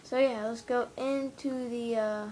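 A woman with a slightly high, flat voice chats her way through a game walkthrough, hesitant and full of fillers. She talks from a room at home into a handheld camera pointed at the TV. A faint hiss sits under her voice. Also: unhurried. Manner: rambling, hesitant, many fillers. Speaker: gamer giving a tour of a game build. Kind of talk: casual gameplay walkthrough. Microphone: handheld camera filming the TV screen.

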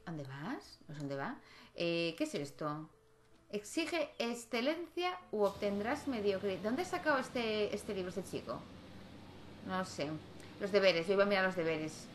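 A woman's voice: medium pitch, expressive, unhurried, a little hiss or hum. A woman giving casual let's-play commentary, chatting to her game characters and checking in with viewers. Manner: chatty, talks to her game characters, frequent tag questions. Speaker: gaming YouTuber.

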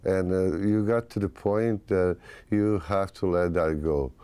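Deep, mellow Bosnian-accented man. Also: steady tone, measured pace, smooth. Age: 40s. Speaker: filmmaker, interviewee. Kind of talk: reflective personal interview. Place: small home studio room.

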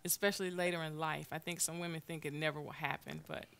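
A woman's voice: sits low, little pitch movement, fast talker, gravelly, background noise. A middle-aged woman hosting a church Bible study interview, asking questions and affirming often, on a lapel mic. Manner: warm-up questions, frequent affirming "mm-hmm". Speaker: host, Bible study leader. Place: church TV studio set, seated on stage.

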